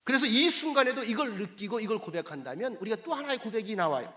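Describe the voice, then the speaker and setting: A male pastor preaching with emphatic, conversational energy, drawing the congregation into call and response. His voice sits high and rings bright and forceful. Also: lively intonation, quick pace. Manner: acts out quoted voices in conversational asides. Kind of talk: sermon.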